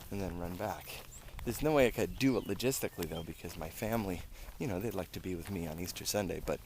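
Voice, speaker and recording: Fairly low-voiced, an American running vlogger chats casually with viewers while out on a long rural-road run. Fatigue shows as he pauses and breathes between words, and the outdoor ambience is picked up clearly.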